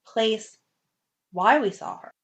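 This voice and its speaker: A woman co-hosting a fan podcast in casual chat. She is opinionated and briskly acts out characters' lines in quick asides. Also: fairly high pitch, expressive, muffled recording. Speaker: podcast co-host.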